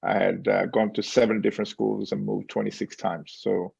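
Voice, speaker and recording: A man in his forties from Spain tells his story on a video call. His voice is very gravelly and a little husky, and the sound is dry and slightly dull. He talks loosely, with many ums and small laughs. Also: on the low side, flat delivery, moderate pace, a little mellow, no room sound. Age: 40s. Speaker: guest, company founder. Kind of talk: casual interview on a call.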